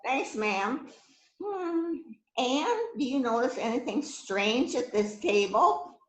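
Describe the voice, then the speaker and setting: On an indoor virtual event call, a woman performs an amateur readers theater murder mystery as a shrewd, self-assured detective in charge who questions suspects. Her voice is a little high, unhurried, and animated, inquisitive in mood, and she muses deliberately with many hmms. The audio has a roomy, echoing video call quality.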